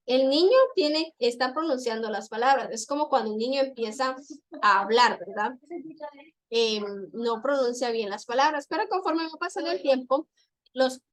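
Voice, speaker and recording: A woman teacher giving a classroom lecture, explaining patiently and repeating examples slowly. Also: sits high.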